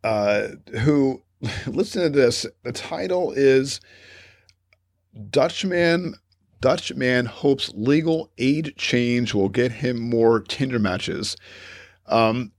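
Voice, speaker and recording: Speaking very slowly at a medium pitch, a man hosts a relaxed podcast in a clean studio setting with no room sound. He meanders, correcting himself and using plenty of fillers, and laughs a lot while telling his stories.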